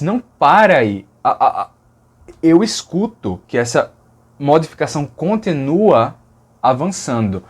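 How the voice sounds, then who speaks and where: A man's voice: fairly high pitch, slightly rough. Brazilian man explaining speech sounds. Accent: Brazilian Portuguese. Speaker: linguistics educator. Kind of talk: casual educational explanation.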